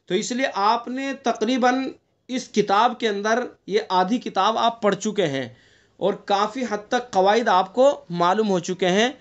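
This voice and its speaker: A man teaching Quran recitation in an online class, asking his students questions and going over the rules step by step, with slow drawn-out recitation of the verses. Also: high-pitched, lo-fi sound.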